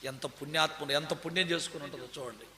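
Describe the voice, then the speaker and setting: A man's voice: a little high, quick pace, pushed and bright, a little hiss or hum. A man preaching a sermon in a church hall, telling a story dramatically and checking that the congregation is listening. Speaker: pastor. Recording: echoey hall.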